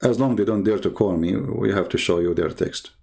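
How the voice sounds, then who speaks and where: On his live stream, an Arabic-accented man whose native language is Arabic reads religious texts and derides them with sarcastic asides. His voice sits low, gravelly and warm, and he speaks fairly quickly.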